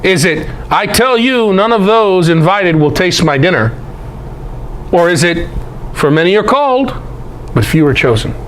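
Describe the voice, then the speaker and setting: Speaking a little slowly in a high voice with big pitch swings, the Bible teacher and presenter lectures animatedly on scripture scholarship. He is emphatic and chatty, throwing in rhetorical questions and folksy remarks, on a rough recording with a little hiss or hum.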